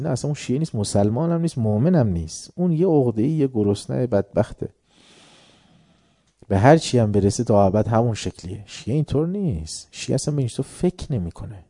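Dark-voiced man preaching a sermon. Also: dry recording, studio quality. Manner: impassioned, swells loud then drops low.

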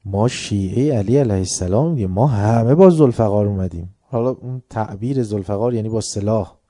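A man preaching a religious sermon with passion, often swelling loud and then dropping low. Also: no echo, studio quality.

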